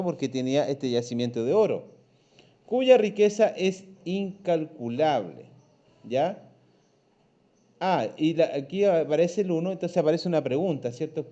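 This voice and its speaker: A Chilean male teacher leads a primary class over a video call, patient and steady, checking in constantly to keep pupils with him. His voice is mellow and warm, sitting a bit higher than most men's. The audio is dull and lo-fi. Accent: Chilean Spanish. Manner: patient, checks in with frequent "¿ya?" and "¿cierto?". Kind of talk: online class lesson.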